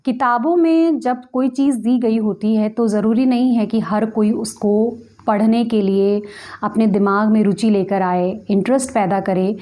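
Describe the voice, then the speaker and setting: A woman's voice: on the high side, dark tone. A woman giving a conversational lesson on poetry, patiently explaining and repeating words to show how they should be pronounced. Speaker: ghazal and poetry teacher.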